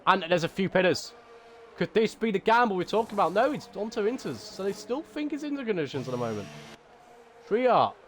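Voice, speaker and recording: A man commentating a sim racing league race, excitable at big moments and later deliberately subdued. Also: sits high, slight background noise.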